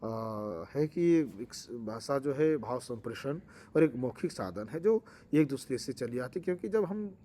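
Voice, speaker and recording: A man's voice: mid-range voice, expressive, a little slow, warm tone. A man teaching a language lecture for exam preparation, explaining with fillers and restarts.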